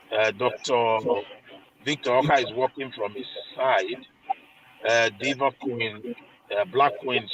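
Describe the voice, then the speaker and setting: Male panel guest, deep low voice, measured formal delivery, very unhurried. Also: fairly bright tone, a little hiss or hum, rough recording. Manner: formal, deliberate, with courteous greetings. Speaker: guest, creative industry organization leader. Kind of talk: panel discussion remarks.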